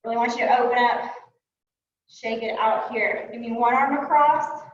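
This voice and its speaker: Moving and exercising as she speaks, a woman leads a workout class in a fitness studio, slightly out of breath and full of fillers. Her voice is a little high, with a steady tone and moderate pace. The mic is distant, leaving the audio echoey and dull.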